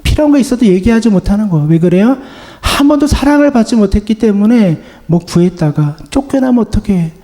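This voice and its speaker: A man preaching a gentle sermon as pastor, voicing the Lord's comforting words to the congregation. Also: high voice, animated, a little fast. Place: church sanctuary. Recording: long church reverb.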